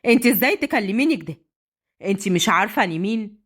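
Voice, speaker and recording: A woman's voice: medium pitch, lively intonation, racing, voice pushed down, close to an everyday voice. A woman voicing a proud, hot-tempered young man who sounds indignant.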